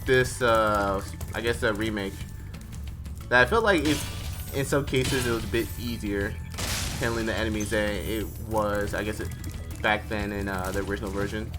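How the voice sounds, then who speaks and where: A man's voice: on the low side, moderate pace. Young guy rambling through a playthrough, chatty, keeps correcting himself, game music under him. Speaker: gaming streamer. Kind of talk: casual let's-play commentary.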